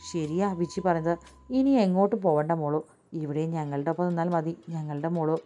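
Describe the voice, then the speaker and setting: A woman reading a doting middle-aged father who fusses over his daughter. The voice is low, warm and fond. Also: fairly quick, faint music behind, close to an everyday voice.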